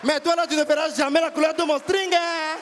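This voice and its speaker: Man putting on a sassy scolding woman, very high voice, reverberant live stage, audience murmur. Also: flat delivery, fairly quick, fairly bright tone, a faint crowd, slight background noise. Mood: indignant. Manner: shrill, scolding, punctuated with "hein". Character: sassy young African woman, indignant and mocking.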